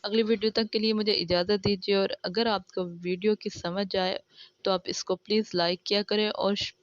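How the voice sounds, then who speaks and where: Patient woman teacher, crisp close voice. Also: medium pitch, steady tone, no echo, highs cut off. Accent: Pakistani Urdu. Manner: drills letters syllable by syllable, patient. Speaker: Quran reading teacher. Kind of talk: slow instructional recitation.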